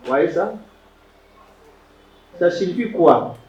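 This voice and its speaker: This biblical Hebrew grammar lesson comes from a man whose voice sits high, sounds a little mellow and is animated though slow. He repeats words and quizzes the class, captured in a dull, roomy, distant lo-fi recording.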